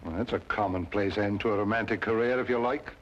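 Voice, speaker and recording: An actor playing a brisk, earnest Scotland Yard inspector with an official manner in an old-time radio drama. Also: male voice, on the low side, lightly acted. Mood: businesslike. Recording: muffled, noisy old radio recording.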